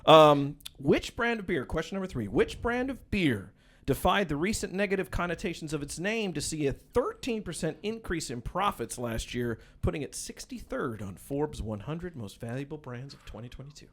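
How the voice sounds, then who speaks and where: A man's voice: a little high, very animated, normal speed. A man hosting a casual beer trivia quiz, joking and playful as he reads questions. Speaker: host.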